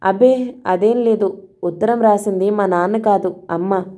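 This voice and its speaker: A woman's voice: mid-range voice, a little slow, warm tone, natural voice. A woman voicing a young wife who answers tersely and brushes things off. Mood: evasive. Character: young wife, quietly hurt and evasive.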